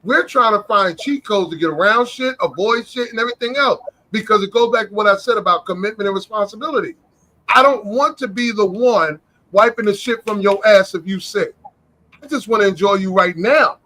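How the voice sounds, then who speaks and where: A man speaks in a casual group podcast with a notably high, bright, tense voice. He is blunt and curses freely, talking in quick bursts. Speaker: podcast co-host.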